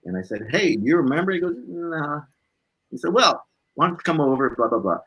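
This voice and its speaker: Heard on a rough recording, a man's voice runs a little high, fairly quick, and slightly rough. The blues musician is a guest in an interview, casually telling animated personal anecdotes, acting out dialogue, and tagging his phrases with "right?".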